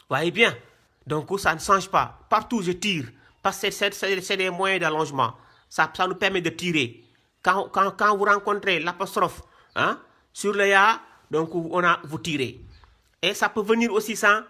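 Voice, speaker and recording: In a classroom lesson, a Quran reading teacher shows how to read Arabic script, repeating each point and drilling terms. He checks understanding with "hein" and "voyez bien". His voice sits high, pushed and bright.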